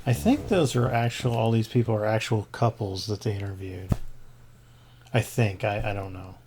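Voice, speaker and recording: A man co-hosting a movie reaction, making unhurried, hedging remarks as he watches with his wife. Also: fairly low pitch, a little mellow, slight background noise. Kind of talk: casual reaction chat.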